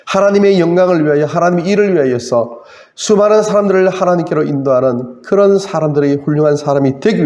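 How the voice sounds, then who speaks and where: A man preaching a sermon, acting out tearful cries to God with swings in pitch and loudness. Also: roomy sound. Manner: dramatic, acts out tearful prayers to God.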